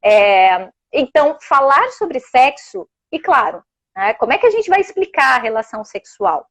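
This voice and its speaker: A woman with a Brazilian Portuguese accent, explaining sex education in a casual, animated way and often checking in with her listener. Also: high-pitched, normal speed. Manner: animated, explanatory, uses many tag questions. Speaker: sex education guest expert.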